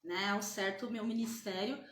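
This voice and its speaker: A woman's voice: medium pitch, fairly even intonation, normal speed, fairly bright tone, roomy sound, a little hiss or hum. A woman evangelist giving a church testimony, hesitant and full of fillers and restarts.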